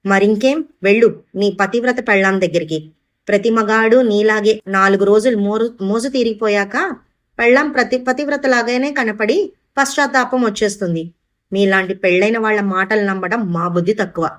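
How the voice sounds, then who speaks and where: A woman's voice: medium pitch, moderate pace, natural voice. A woman reading the part of a scornful young mistress with cutting retorts.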